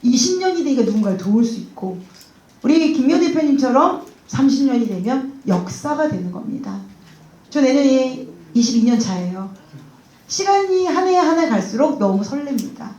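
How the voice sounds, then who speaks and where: Animated high-voiced woman on stage. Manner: animated storytelling with laughs, acting out dialogue. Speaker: speaker at a company event. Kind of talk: motivational stage talk. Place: large event hall. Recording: echoey hall sound.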